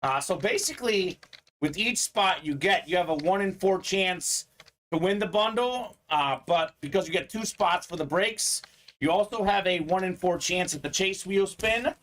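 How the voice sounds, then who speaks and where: A man hosting a live sports memorabilia break, talking in a bright, fairly high register. He keeps up a quick, chatty patter and reads viewer comments aloud. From Bulgaria. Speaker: sports card break host. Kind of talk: live-stream sales patter.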